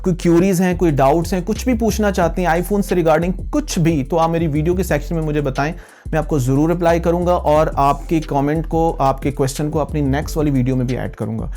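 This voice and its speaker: A man hosts a tech Q&A channel, explaining things conversationally to viewers and mixing English phrases into his speech. His voice is slightly high and a little mellow, a bit fast, with soft music in the background.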